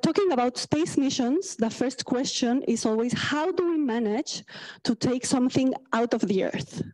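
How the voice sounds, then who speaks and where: Woman from Mexico, 30s, public science lecture; higher voice, mellow tone. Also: rough recording. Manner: friendly, halting with restarts. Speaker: astrophysicist giving a public talk. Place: lecture hall.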